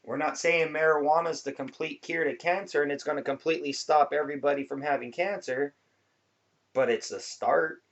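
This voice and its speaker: A man with a slightly high voice talks informally, like a vlogger addressing viewers. He explains things in a laid-back, rambling way. The sound is a bit dull and lo-fi. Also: fairly even intonation, fairly quick, a little hiss or hum. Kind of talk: casual informal talk to viewers.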